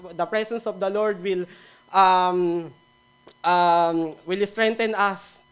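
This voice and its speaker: Filipino male devotional speaker, high voice, relaxed sermon, cracks small jokes. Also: clean tone. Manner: mixes Tagalog and English, laughs at his own jokes.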